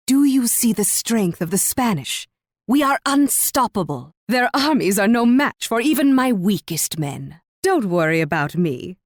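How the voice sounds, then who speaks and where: A woman's voice: mid-range voice, no room sound, studio quality. An actress playing an imperious, cruel Spanish warrior queen in a video game, commanding, condescending and taunting. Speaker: video game character voice actor. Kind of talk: theatrical video game voice lines.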